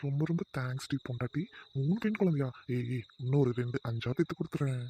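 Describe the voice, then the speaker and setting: A man's voice: mid-range voice, fast, dark tone, a little hiss or hum, lightly acted. A man playing a doting young husband who talks to his wife affectionately and teases his mother. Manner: playful, teasing, affectionate. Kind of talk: family comedy skit acting.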